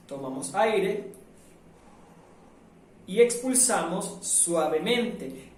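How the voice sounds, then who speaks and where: A man from Venezuela teaching a live online public speaking workshop, lively and demonstrative, acting out the sounds he describes. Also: high voice. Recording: very echoey room, mic at a distance.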